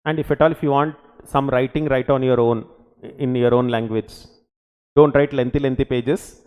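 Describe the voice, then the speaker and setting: A man's voice: mid-range voice, steady tone, moderate pace, darkish tone, clean tone. A man in his forties with a Telugu Indian English accent, teaching a class in short instructional phrases with frequent check questions, in a reverberant room. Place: indoor teaching studio or classroom.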